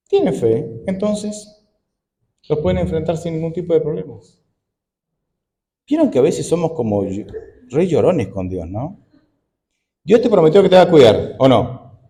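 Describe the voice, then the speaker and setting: A man's voice: fairly high pitch, warm tone. A man in his forties, an Argentine pastor, preaching a conversational sermon full of rhetorical questions. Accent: Argentine Spanish.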